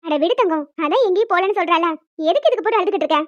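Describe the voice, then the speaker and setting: A woman voicing several emotional village women and a young daughter in a cartoon, fast and dramatic, scolding and tearful. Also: very high-pitched, lively intonation, dry recording. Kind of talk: cartoon voice acting. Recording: dull, dry lo-fi recording.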